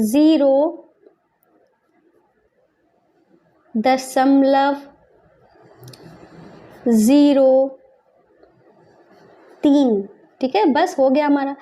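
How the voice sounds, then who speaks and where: A woman teaching a math lesson step by step, dictating the digits slowly one at a time and asking and answering her own questions. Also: high-pitched, dark tone.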